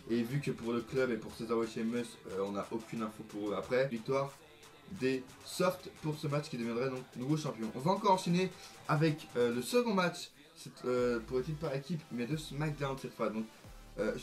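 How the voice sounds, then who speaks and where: Hoarse eager man vlogging. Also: medium pitch, normal speed, soft background music. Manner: eager, hesitant, many fillers. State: hoarse, voice nearly gone. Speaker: wrestling fan vlogger. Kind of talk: casual predictions vlog.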